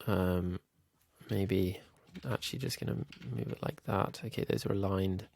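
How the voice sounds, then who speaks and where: A man's voice: low-pitched, flat delivery, unhurried, vocal fry, a little mellow, no room sound. A man with a nasal, slightly ill voice, thinking aloud with frequent ums while walking through a design tutorial. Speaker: YouTube growth coach. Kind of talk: screen-recorded design tutorial.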